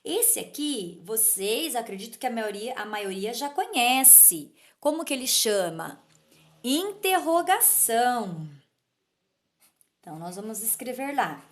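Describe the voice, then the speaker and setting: Slow, patient higher-voiced woman teacher. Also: sing-song. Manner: patient, repeats and checks in with "tá?". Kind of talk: slow classroom explanation to children.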